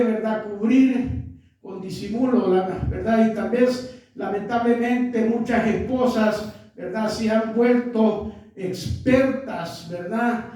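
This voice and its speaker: Male pastor, high, unhurried sermon delivery, heavy hall echo from a distant mic. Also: darkish tone. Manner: peppers speech with "¿verdad?" and "hermanos". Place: church. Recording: echoey church hall, mic far off.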